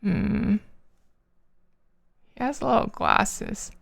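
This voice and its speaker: A woman's voice: medium pitch, wildly swooping pitch, drawn-out words, gravelly. A tired woman streamer chatting casually with her viewers while she draws, rambling with lots of fillers. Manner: rambling, many fillers, soft laughs.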